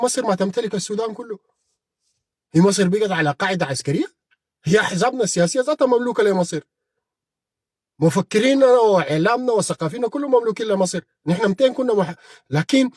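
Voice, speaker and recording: A man's voice: high voice, breathy edge, dry recording, clean studio sound. A man with a Sudanese Arabic accent giving a heated political monologue, combative and mocking, speaking straight at his opponent. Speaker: political commentator on a live stream.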